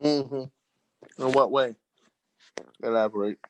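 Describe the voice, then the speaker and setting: A man's voice: mid-range voice, slow, a little hiss or hum. A man hosting a casual interview, agreeable and prompting his guest with short replies. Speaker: interviewer host.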